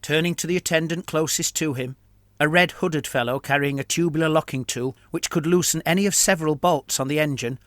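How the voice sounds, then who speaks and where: A man narrating a written fantasy story in a measured, even reading. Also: a little high, no room sound. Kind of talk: scripted narration.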